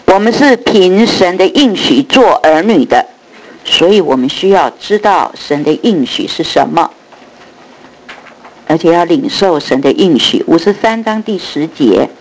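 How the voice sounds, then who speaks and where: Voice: mid-range voice, lively intonation, measured pace, low-quality recording. A preacher giving an earnest Bible sermon, with slightly lisping, air-leaking speech from missing front dentures. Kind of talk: sermon and Bible teaching, with prayer and read-aloud scripture.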